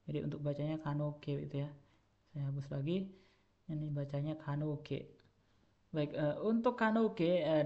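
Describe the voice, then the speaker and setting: A man's voice: on the high side, darkish tone. A man teaching a Japanese grammar lesson, speaking Indonesian as his first language, patiently repeating each word with many filler sounds. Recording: dull lo-fi recording.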